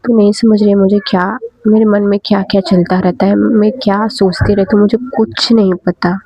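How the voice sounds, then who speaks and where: A woman's voice: medium pitch, level tone, brisk, husky, no room sound. A woman voicing a tearful, confused teenage schoolgirl who talks in a pleading, rambling way. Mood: upset. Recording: dull, slightly muffled recording.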